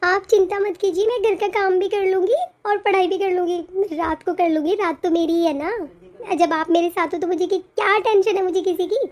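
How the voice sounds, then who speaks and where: Cartoon bride, young and earnest, very high voice, a woman voicing her; indignant. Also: fairly quick, darkish tone. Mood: quiet. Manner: pleading, indignant. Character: young daughter-in-law, educated and earnest. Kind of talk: cartoon voice acting.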